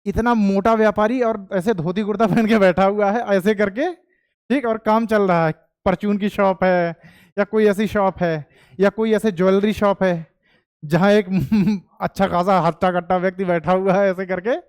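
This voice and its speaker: A man's voice: sits high, fairly even intonation, normal speed, a little mellow, clean tone, no echo, clean studio sound. A young adult man with an Indian accent teaching history to a class, joking with students and slipping between Hindi and English. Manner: jokey, mixes Hindi and English, asks the class questions. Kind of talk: classroom lecture.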